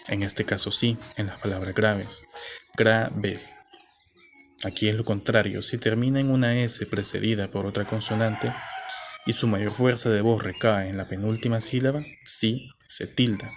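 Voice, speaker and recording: A man's voice: on the low side, fairly even intonation, normal speed, a little hiss or hum. A man teaching a lesson, explaining patiently step by step and checking in with his listeners.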